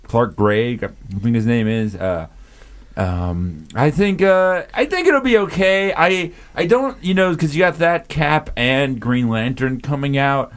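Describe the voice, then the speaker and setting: A man's voice: mid-range voice, unhurried. A man co-hosting a casual comedy podcast, rambling with restarts and fillers. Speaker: podcast co-host.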